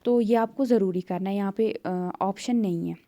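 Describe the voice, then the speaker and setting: A woman's voice: medium pitch, normal speed, warm tone. A woman tutor walks through an exam paper in a conversational way, explaining step by step with many fillers.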